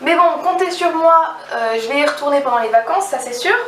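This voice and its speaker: Chatty young woman with a high voice. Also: animated, a little fast, fairly bright tone. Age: young adult. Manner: chatty, hesitant, restarts sentences, enthusiastic. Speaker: book vlogger. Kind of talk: casual book haul vlog. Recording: roomy, slightly distant mic, faint background noise.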